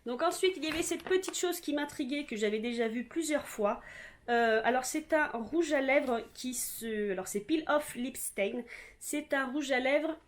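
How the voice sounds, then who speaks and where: A woman's voice: high-pitched, normal speed. A French woman with a French accent, chatting casually through a shopping haul, rambling with many hesitations and restarts. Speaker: vlogger.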